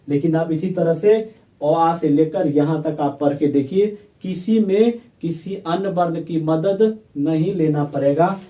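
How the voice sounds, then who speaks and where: A man's voice: fairly high pitch, dark tone, recorded from a distance. A male teacher, giving a grammar lesson and drilling his students by asking questions and answering them himself. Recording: echoey room, voice from off-mic.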